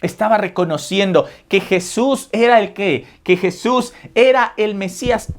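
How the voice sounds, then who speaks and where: Slow, deliberate woman preaching. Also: mid-range voice. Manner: addresses listeners as brothers and sisters with rhetorical questions; retells the Bible story in a slow, deliberate storytelling way. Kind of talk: sermon.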